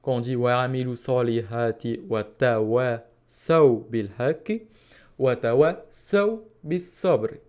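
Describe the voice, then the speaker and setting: A man's voice: medium pitch, a little mellow, smooth. Man teaching Arabic verse by verse. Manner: patient explaining, reciting Arabic phrases slowly. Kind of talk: Quranic Arabic lesson.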